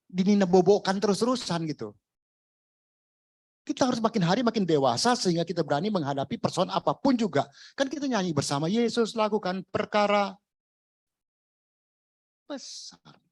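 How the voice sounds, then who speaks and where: A man's voice: high-pitched, lively intonation, brisk, a little mellow, no room sound. A man preaching a sermon in a conversational, jokey way, full of rhetorical questions. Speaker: pastor. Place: church.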